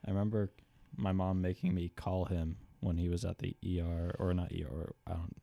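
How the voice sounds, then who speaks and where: Deep flat-voiced young man. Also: a little fast, gravelly, no room sound. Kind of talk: casual chat.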